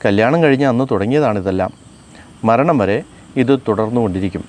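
A man reading aloud and voicing a weary, sorrowful middle-aged wife who speaks in a flat, resigned way. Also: on the low side, brisk, slight background noise, close to an everyday voice.

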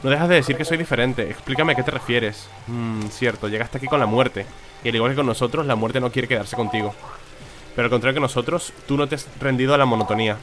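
Weary ageless wanderer, read by a man, calm and solemn, game music behind. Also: medium pitch, fast, lightly acted.

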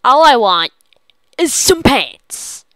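A woman doing silly, excitable let's play commentary as she plays a game. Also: high-pitched, slow, no room sound. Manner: silly, goofy, excitable, jokey. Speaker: gaming channel host.

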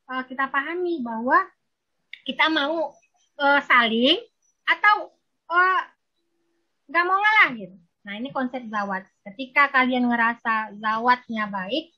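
A woman leads a marriage-counseling seminar over a video call, her voice high and bright. She talks in a lively, teasing way and keeps turning to address her listeners directly. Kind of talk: virtual seminar lecture.

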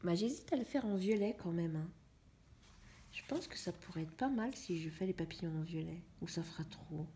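Young woman vlogger, soft half-whispered musing while she colors, low mellow voice, light hiss behind, phone-camera sound. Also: lively intonation, moderate pace. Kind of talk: casual coloring vlog chat.

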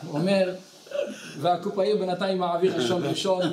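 High-voiced rabbi telling a story in an echoey hall. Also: male voice. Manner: animated storyteller who acts out quoted characters. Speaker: rabbi giving a weekly Torah lesson. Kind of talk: storytelling sermon. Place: study hall in a small village. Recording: echoey hall with faint background noise.

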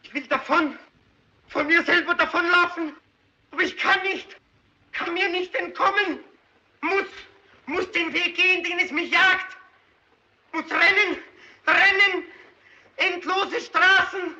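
Haunted killer, high and bright, slow broken pleading, dull early film sound. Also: male voice, exaggerated voice. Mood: anguished. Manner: desperate, broken, rising to frantic screams. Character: hunted, tormented male child killer pleading before a mob. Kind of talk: 1930s film drama acting.

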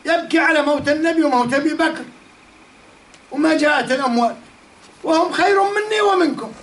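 A man's voice: extremely high pitch, a little fast, fairly bright tone. A man giving a religious lesson, telling a story and firing off rhetorical questions. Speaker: Islamic teacher. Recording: distant mic, faint background noise.

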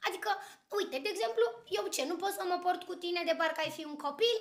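A woman voicing a curious, excitable little girl who hosts a children's podcast, asking eager questions. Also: very high voice. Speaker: podcast host.

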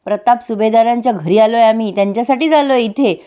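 A woman's voice: on the high side, fast talker, warm tone, clean tone, close to an everyday voice. Woman reading as a scornful narcotics officer. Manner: curt and mocking.

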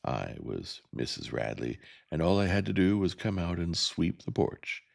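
A man narrating a novel in a gentle, soft ASMR reading. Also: sits low, big pitch swings, normal speed, creaky.

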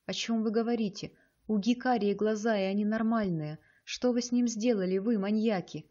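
A woman's voice: mid-range voice, normal speed, mellow, lo-fi sound, natural voice. A woman voicing a horrified young mother who speaks in an agitated, pleading way.

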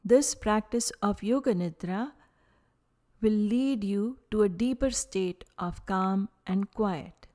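Guiding a yoga nidra meditation, the woman speaks at a medium pitch. Her words come in short, calming phrases, each trailed by a long pause.

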